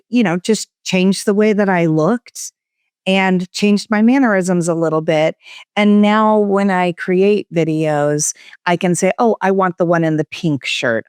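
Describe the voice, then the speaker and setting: Woman, interview guest, expressive varied inflection, smooth clear voice, dry close sound. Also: mid-range voice, no echo. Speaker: guest expert. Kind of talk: conversational interview. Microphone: studio microphone.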